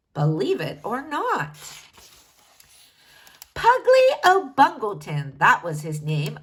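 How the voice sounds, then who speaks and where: A storybook reader, this woman recites rhyming verse for children in a fairly high, highly animated voice, her intonation swooping up and down expressively as she goes.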